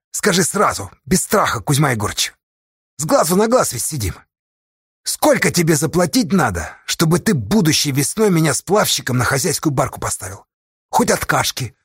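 A man's voice: a little high, slightly rough, no echo, studio quality, pitched above the performer's own voice, exaggerated voice. A man voicing a bold, stubborn young man who presses and challenges an older elder. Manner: pressing, defiant.

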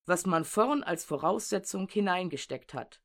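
A woman narrating an audiobook essay in a measured, sober reading of dense prose. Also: lowish voice, lively intonation. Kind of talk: read-aloud essay narration.

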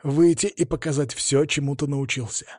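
A man voicing a calm middle-aged boxing coach who speaks earnestly and encouragingly before a fight. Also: on the high side, normal speed, no room sound, studio quality, close to an everyday voice.

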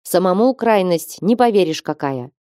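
A woman's voice: lowish voice, animated, moderate pace, dark tone, no echo, close to an everyday voice. Unyielding male merchant, coaxing and proverb-quoting, dry close sound, read by a woman. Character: wealthy domineering male merchant, sly and coaxing.

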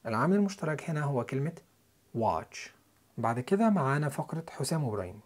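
A young man with an Egyptian Arabic accent, teaching English listening and pronunciation in a quick, chatty way. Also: medium pitch, big pitch swings. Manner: quick, chatty lesson delivery with spelled-out letters and repeated example words.

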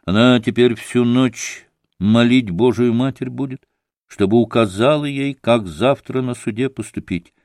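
A man's voice: lowish voice, sing-song, measured pace, a little mellow, no echo, clean studio sound. A man reading an audiobook, voicing an irritable, feverish young man who speaks curtly and sardonically. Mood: bitter. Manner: curt and sardonic.

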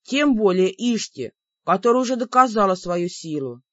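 A woman voicing a gruff, grumbling male demon in an audiobook. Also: medium pitch, sing-song, moderate pace, no echo. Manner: grumbling, reluctant. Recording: dull lo-fi dry recording.

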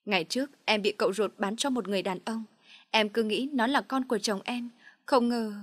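A desperate young mother pleads through tears, her voice pushed higher and louder than the narration, as a woman reads her. The sound is close and dry, with no room around it. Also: brisk, no echo, close to an everyday voice. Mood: submissive. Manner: begging, sobbing pleas.

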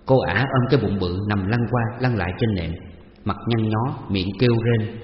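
Low-voiced male storyteller. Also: normal speed. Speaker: narrator. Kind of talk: storytelling reading. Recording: dull echoey recording with long reverb and faint hiss.

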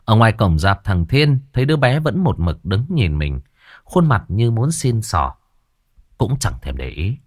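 A man's voice: lowish voice, very animated, a little slow, dry recording, clean studio sound. A man narrating a ghost story in a crude, colloquial way.

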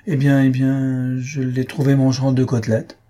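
A man's voice: mid-range voice, completely flat delivery, moderate pace, warm tone, lightly acted. Man doing a hearty bourgeois father. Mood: worried. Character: pompous bourgeois father, eager to marry off daughter.

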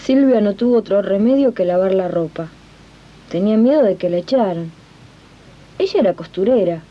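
A woman with a mid-range, expressive voice narrates at a moderate pace, lightly acting the part of a plain-spoken Argentine domestic worker and union comrade who hosts a 1980s radio serial. Her conversational storytelling feels warm. The sound is a dull 1980s archive radio tape.

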